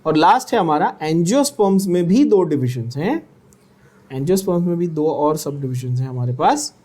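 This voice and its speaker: A man's voice: a little high, big pitch swings, unhurried, a little mellow. A man teaching biology for an exam, asking questions and having students repeat terms. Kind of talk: exam-prep lecture.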